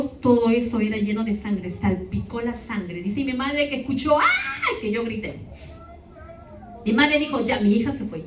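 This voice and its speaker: A woman's voice: on the high side, a little hiss or hum. Woman giving testimony in echoey church. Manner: emotional storytelling, addresses the congregation directly. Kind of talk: testimony sermon. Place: church hall. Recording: echoey church hall, far off, faint ambience.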